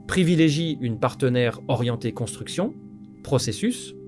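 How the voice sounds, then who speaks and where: Male voice-over, clipped and analytical, lively pitch, soft guitar bed. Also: moderate pace. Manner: clipped, terse, rule-like statements. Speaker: narrator. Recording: voice-over with faint guitar music.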